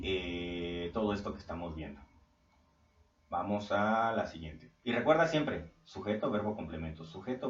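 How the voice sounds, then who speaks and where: A male teacher explaining grammar in a recorded online class, patient and checking in with his students every few sentences. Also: mid-range voice. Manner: patient, keeps checking in with "¿sale?". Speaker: Spanish teacher. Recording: echoey room, far from mic, dull lo-fi sound.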